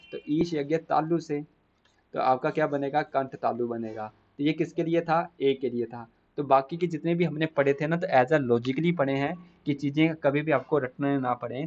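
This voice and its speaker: A male teacher walks through a grammar test for exam preparation, explaining step by step. He keeps posing rhetorical questions and then answering them himself. His voice sits at an ordinary middle pitch, and the recording sounds slightly muffled and lo-fi. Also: a little mellow. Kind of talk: exam-prep grammar lesson.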